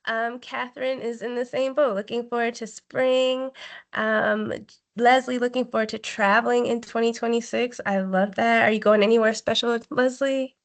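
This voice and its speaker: A woman's voice: fairly high pitch, level tone, normal speed. A woman on a video call who reads chat replies aloud and cheers each one on in an upbeat, encouraging way. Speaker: meeting co-facilitator. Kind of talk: casual online meeting chat.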